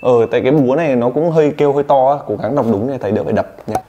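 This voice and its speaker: A man teaching English pronunciation one-on-one, teasing and drilling his student with quick questions. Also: medium pitch, dark tone, highs cut off, a little hiss or hum.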